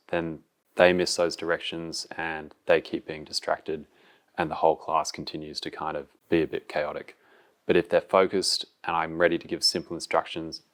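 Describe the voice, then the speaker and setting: A man teacher explaining in a calm, slow way, using few words. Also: low voice. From Australia. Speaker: secondary school teacher. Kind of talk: classroom instruction and explanation.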